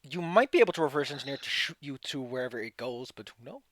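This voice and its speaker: A man's voice: medium pitch, animated, fast talker, fairly bright tone. A man acting as game master, narrating a tabletop game and bantering with players.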